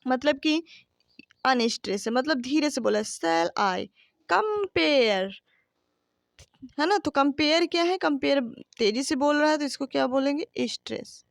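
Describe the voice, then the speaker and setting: High-voiced woman teaching an exam-prep lesson. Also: normal speed, gravelly, no room sound, clean studio sound. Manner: asks rhetorical questions and answers them herself; addresses listeners as friends. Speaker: English literature teacher. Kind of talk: exam-prep lesson, reading questions then explaining.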